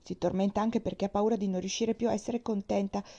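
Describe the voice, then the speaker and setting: An anxious, tender-hearted young maid from a storybook, earnest and apologetic, always sounding near tears, as a woman reader puts her on. The voice is mellow and soft. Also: mid-range voice, fairly even intonation, fast talker, gravelly, dull audio. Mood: distressed.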